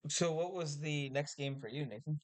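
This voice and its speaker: A tired man co-hosting a casual gaming podcast late at night, easygoing and quick with short agreeing replies. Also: fairly high pitch. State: tired, yawning. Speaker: podcast co-host. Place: new home recording spot.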